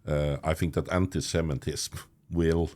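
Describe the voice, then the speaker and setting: In a conversational podcast interview, the Norwegian host, a native Norwegian speaker, speaks in a very deep, steady, darkish voice. He's halting, with many restarts and chuckles slipped into his sentences.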